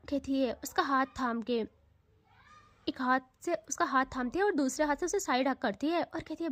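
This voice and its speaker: A woman narrating an audio love story close to the mic, dramatic and chatty with casual asides. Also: high-pitched.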